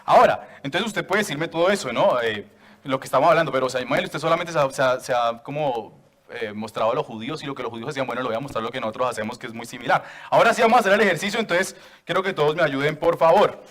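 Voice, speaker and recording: A man's voice: mid-range voice, quick pace, a bit bright. A man preaching a sermon to a church congregation, joking with them and asking for raised hands.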